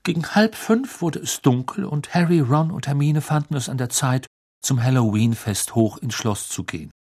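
A man narrating a novel as an audiobook, reading in an expressive storytelling way. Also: mid-range voice, moderate pace, breathy edge. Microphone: close studio microphone. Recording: dry studio sound.

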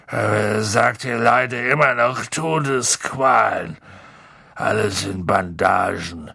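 A huge, gruff half-giant gamekeeper, as a male narrator puts him on, low and gravelly with a slow, heavy, slurring delivery. He sounds drunk and downcast, his husky voice dragging through every word of the storybook scene. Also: pushed and bright, no echo, studio quality, heavily acted. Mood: gloomy.

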